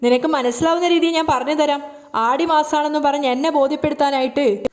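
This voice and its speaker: A woman's voice: sits high, fairly even intonation, fairly quick, natural voice. A woman voicing an arrogant, scornful mother-in-law who talks down to others. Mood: haughty. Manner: haughty, sneering.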